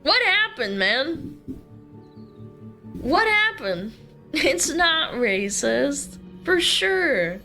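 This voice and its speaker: A woman giving casual, blunt opinions in a played-back video clip. Her voice sits a little high and sounds bright and forward. Faint music plays under her talk. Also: big pitch swings, very slow, long pauses. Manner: blunt and offhand. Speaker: commentator in a reacted clip.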